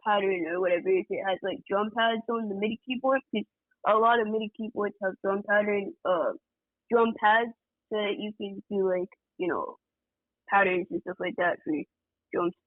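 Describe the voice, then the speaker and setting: A music producer from Georgia, USA, chats as a podcast guest in a casual interview, his high voice coming through a tinny, phone-like line. The recording is dry, with no room sound at all. He's relaxed and rambling, explaining things with lots of fillers like "like" and "you know."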